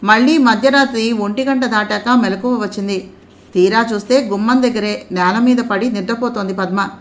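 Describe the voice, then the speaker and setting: A woman narrating an audio story in a calm, measured reading voice. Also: mid-range voice.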